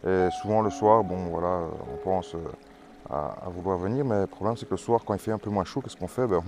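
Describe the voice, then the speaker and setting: Rambling Belgian man, low voice. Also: brisk, music in the background. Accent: Belgian French. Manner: rambling, many hesitations and restarts. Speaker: amateur gardener presenting tomato seeds. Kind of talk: casual garden vlog. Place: vegetable garden outdoors in hot weather.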